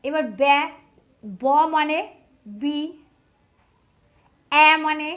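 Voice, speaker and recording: A woman teaching English spelling, sounding out each letter slowly and with emphasis. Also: sits high, monotone, fairly bright tone. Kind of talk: patient step-by-step tutorial.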